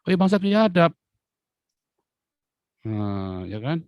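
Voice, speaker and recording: A man giving an angry political rant as a channel commentator, swinging between loud outbursts and low muttering. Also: big pitch swings, slow pace, clear, resonant tone, no echo.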